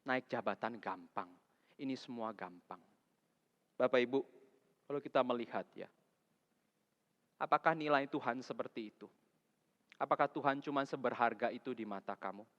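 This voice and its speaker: A man preaching a sermon as a vicar, in a colloquial way that swings between loud emphasis and soft asides. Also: mid-range voice, moderate pace, long pauses. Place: church sanctuary. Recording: echoey hall, dull lo-fi sound.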